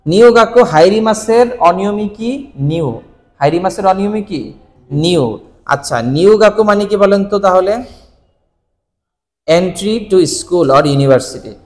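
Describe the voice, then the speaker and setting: A man teaching a Japanese kanji lesson, asking questions and answering them himself with steady repetition. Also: sits high, moderate pace, big-room sound. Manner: asks questions and answers them himself, repeating key words.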